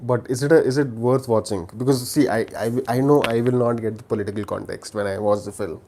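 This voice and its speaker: A man's voice: medium pitch, fairly even intonation, fairly quick, mellow, slight background noise. A man from India with a Telugu Indian accent, chatting casually as a livestream host, often repeating words and restarting sentences. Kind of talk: casual chat, recommending films.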